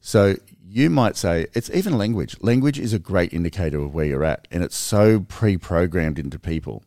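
A low-pitched man talks through his ideas in a relaxed podcast chat, earnest and animated, often restarting mid-sentence. The sound is dry and close, with no room around the voice. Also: normal speed, dry recording. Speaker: podcast co-host. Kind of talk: casual conversation.

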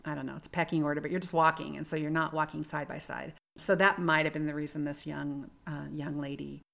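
A woman's voice: sits low, fairly even intonation, quick pace, vocal fry, fairly bright tone. A middle-aged woman co-hosting a podcast, thinking aloud as she reflects on a shared story in casual chat. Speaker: podcast co-host.

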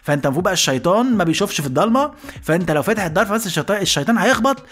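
A man with an Egyptian accent hosting a comedy podcast, telling stories in an animated monologue and slipping into voices. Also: high-pitched. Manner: rapid, animated, jumps into voices. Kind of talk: comic storytelling monologue.

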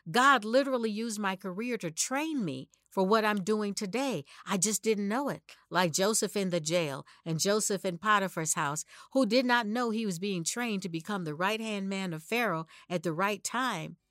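A woman's voice: medium pitch, moderate pace, few pauses, fairly bright tone, dry recording, clean studio sound. A woman hosting an inspirational ministry podcast, speaking in a conversational, preaching style with rhetorical questions and dramatic emphasis. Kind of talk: motivational sermon-like monologue.

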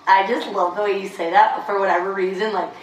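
A woman's voice: mid-range voice, fairly even intonation, brisk. Chatty woman coach, casual podcast chat, echoey gym, heard from a distance. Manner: chatty, drifts into tangents. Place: empty gym on a rainy day. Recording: roomy, distant mic with faint hiss. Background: faint rain ambience.

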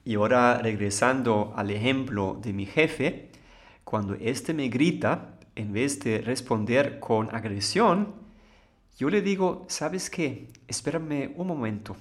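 A man giving a calm, explanatory spiritual talk as a teacher, often asking rhetorical questions and then answering them. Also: medium pitch, takes it slowly.

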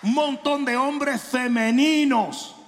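A man preaching a challenging, confrontational sermon with humor, shouting for emphasis and slowing on key phrases, with English phrases mixed in. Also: very high voice, fairly even intonation, a faint crowd, a little hiss or hum. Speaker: pastor. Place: large church hall. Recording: long hall reverb.

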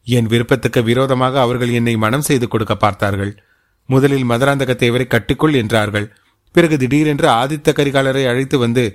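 A man's voice: medium pitch, close to an everyday voice. A man voicing a guilt-ridden young noblewoman, pleading in distress.

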